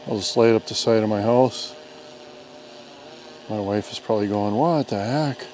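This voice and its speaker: On an open lawn, a product reviewer and drone pilot in his fifties gives a plainspoken, conversational demonstration with an American accent. His fairly low, slightly mellow voice moves at normal speed, and the low-quality outdoor recording includes background noise.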